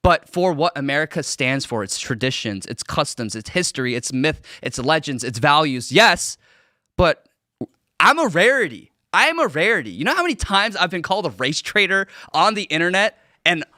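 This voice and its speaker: A man's voice: on the high side, big pitch swings, moderate pace, pushed and bright, no echo, clean studio sound. A young man from Korea, a podcast guest, talking earnestly and emphatically on a political panel, often repeating himself for stress.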